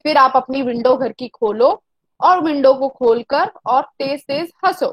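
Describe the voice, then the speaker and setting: A woman's voice: sits high, unhurried, dry recording, muffled recording. A woman teacher explains a poem, repeating herself and asking and answering her own questions. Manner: mixes Hindi with English lines.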